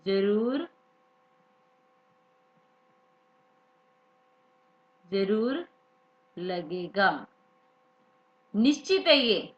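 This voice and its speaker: Woman grammar teacher, fairly high voice, repeats every point as a quiz, roomy dull recording. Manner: slow, repeats key words as questions to students. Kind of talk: Hindi grammar lesson. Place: classroom or study room, writing examples. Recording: echoey room, dull lo-fi sound.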